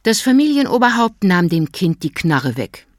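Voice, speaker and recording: A woman reading a story aloud as scripted audiobook narration, in an even storytelling manner. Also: fairly low pitch, normal speed, dry recording, clean studio sound.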